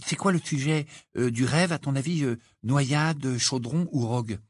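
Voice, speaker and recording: A man's voice: mid-range voice, moderate pace, no echo, clean studio sound, lightly acted. A man doing a mumbling, hesitant schoolboy. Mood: distracted. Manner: hesitant, full of fillers. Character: teenage schoolboy, distracted and mumbling.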